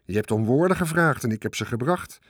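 A man's voice: mid-range voice, expressive, brisk, dry recording, clean studio sound, close to an everyday voice. A man voicing a grumpy, snappish male rat who sounds triumphant.

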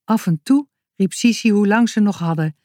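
Een vrouw die levendig en expressief een kinderverhaal voorleest. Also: female voice, medium pitch, moderate pace, no echo, studio quality. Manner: lively, expressive reading. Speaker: narrator. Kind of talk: reading a children's story aloud.

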